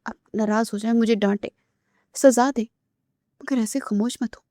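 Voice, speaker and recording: A woman's voice: on the high side, steady tone, mellow, dry recording, studio quality, lightly acted. A woman voicing a remorseful young woman in a novel reading, pleading with a breaking voice.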